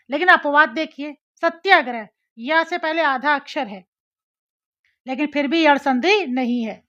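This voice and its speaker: A high, bright female voice teaching a grammar lesson at an unhurried pace. She explains step by step, sounds out syllables again and again and asks rhetorical questions. The audio is slightly dull and lo-fi.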